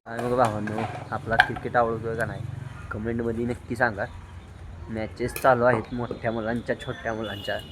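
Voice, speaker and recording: A man gives excited running commentary on a game of rooftop cricket for his vlog, calling out to the kids and to his viewers. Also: medium pitch, fairly quick, heavy background noise. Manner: lively, calls out to kids and viewers. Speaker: vlogger. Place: outdoor rooftop terrace.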